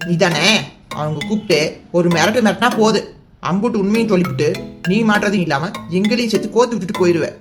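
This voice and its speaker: A woman's voice: mid-range voice, quick pace, lightly acted. A woman voicing a fussy grey-haired village man in a cartoon serial, grumbling and flustered in rural banter. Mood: fretful. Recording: music bed under voice.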